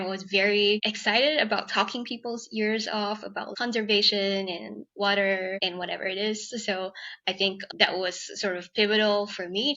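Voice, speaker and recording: A young woman from Singapore, a podcast guest telling her story in a quick, chatty way full of "like" fillers. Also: mid-range voice, bright, forceful tone. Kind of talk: casual interview talk. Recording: slightly dull lo-fi call audio.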